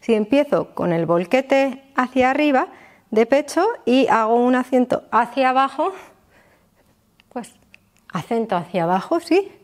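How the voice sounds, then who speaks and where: Belly dance teacher checking in. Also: female voice, high-pitched, expressive, unhurried. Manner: explains step by step, often checking with "¿vale?" and "¿sí?". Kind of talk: dance lesson instruction.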